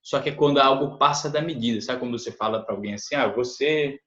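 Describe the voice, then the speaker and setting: A man with a Brazilian Portuguese accent, teaching an English lesson, patiently explaining sentences, often adding "né?", reading examples slowly. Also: medium pitch, fairly bright tone. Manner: patient explanations, frequent "né?" tag questions. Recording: echoey room, dull lo-fi sound.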